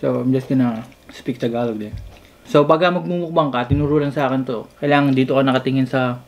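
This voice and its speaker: A woman's voice: rumbling low, fairly even intonation, quick pace, dull audio, a little hiss or hum. A woman with a Filipino accent hosting a casual food vlog, mixing English and Tagalog and talking to viewers as guys. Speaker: vlogger host. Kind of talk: casual mukbang vlog chat.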